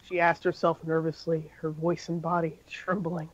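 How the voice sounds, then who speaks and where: A man's voice: on the high side, completely flat delivery, normal speed, no room sound, highs cut off. A man reading a fan-fiction story aloud in an amateur style, with occasional slips and self-corrections.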